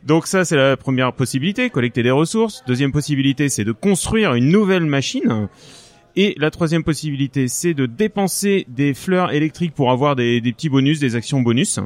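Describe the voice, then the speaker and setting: A man's voice: on the high side, animated, a little fast. A man reviewing a board game casually as a podcast panelist, explaining things with dryly humorous asides.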